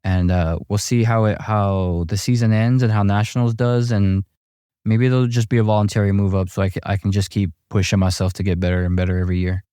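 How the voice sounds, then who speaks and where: Relaxed middle-aged man, low mellow voice. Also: fairly quick, clear, resonant tone, no echo, studio quality. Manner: relaxed storytelling with many fillers and restarts. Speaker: amateur golfer guest. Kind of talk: casual chat.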